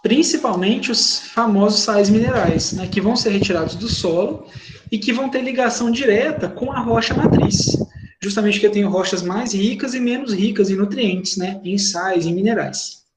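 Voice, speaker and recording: A man's voice: high voice, moderate pace. A man with a Brazilian Portuguese accent teaching an online class, speaking informally and checking in with his students. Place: home, video call. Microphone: computer mic on video call. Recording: echoey room, noisy call audio.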